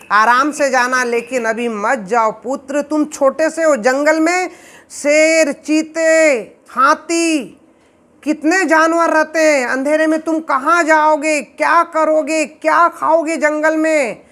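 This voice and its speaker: A man voicing a grieving old sage father, slow and imploring as he begs his young son to stay. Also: very high voice, sharp tone, exaggerated voice.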